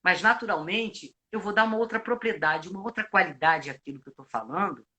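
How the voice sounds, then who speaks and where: Brazilian man, actor, bright voice, reflective explaining, restarts, video call. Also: high voice, fairly quick, muffled recording. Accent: Brazilian Portuguese. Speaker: actor and acting coach. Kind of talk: live video chat, giving advice.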